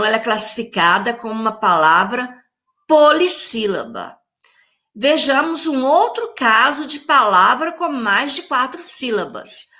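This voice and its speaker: Slow, bright-voiced woman teacher. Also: a little high. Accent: Brazilian Portuguese. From Brazil. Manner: slow, drawn-out syllables when saying example words; addresses young pupils directly, friendly teacher tone. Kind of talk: recorded classroom lesson for children.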